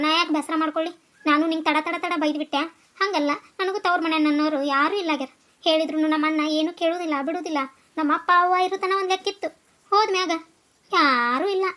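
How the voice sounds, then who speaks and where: A woman voicing a tired, scolding middle-aged village mother in a cartoon, with a North Karnataka Kannada accent. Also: a bit bright. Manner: high, quick, nagging. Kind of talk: cartoon dubbing.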